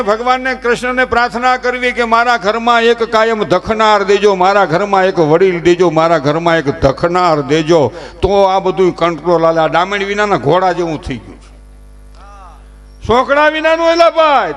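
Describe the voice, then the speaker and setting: A man telling humorous folk stories to a live audience, animated and preachy, acting out characters as he goes. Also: sits high, fairly quick. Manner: animated, acts out characters and preaches with raised emphasis. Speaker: folk storyteller at a dayro.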